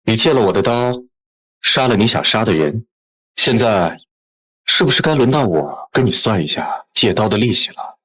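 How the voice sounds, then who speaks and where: An actor playing a ruthless young tycoon who speaks calmly and coldly, with quiet menace. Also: male voice, on the low side, moderate pace, poor audio. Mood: mocking. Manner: calm, cold and menacing.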